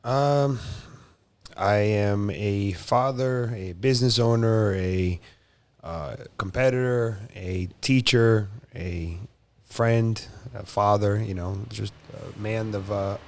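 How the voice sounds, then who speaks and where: Guest: man in his thirties, raised in South Florida, low, dry close-mic sound, loose chatty delivery. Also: slow pace, darkish tone, no echo. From Brazil, raised in South Florida. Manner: rambling, frequent "you know" and "uh" fillers. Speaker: guest, jiu-jitsu competitor and coach. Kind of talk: casual interview chat.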